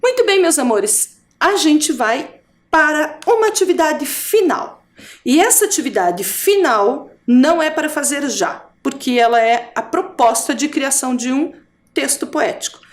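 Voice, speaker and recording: A woman's voice: high-pitched, lively intonation, a little slow. A Brazilian woman teacher giving a recorded video lesson for adults. She talks in a sing-song way, stretches out words to show rhymes, and keeps checking in with "certo?" and "ok?". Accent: Brazilian Portuguese.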